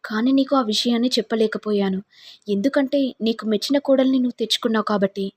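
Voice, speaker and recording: A woman's voice: fairly high pitch, a little mellow, breathy edge. A woman voicing an angry young husband who taunts and accuses his wife. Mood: bitter.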